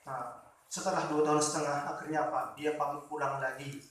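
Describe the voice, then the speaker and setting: A male religious teacher telling a moral story to boarding-school students in an animated, repetitive, emotive sermon style. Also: a little high, fairly quick. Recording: echoey hall, distant mic.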